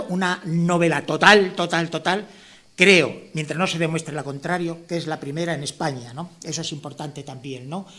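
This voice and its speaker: Guy from la mancha talking up his book, kinda high voice, rambles and restarts, keeps tagging questions on. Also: a bit bright. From La Mancha, Spain. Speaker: author presenting his novel. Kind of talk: informal speech at a book presentation.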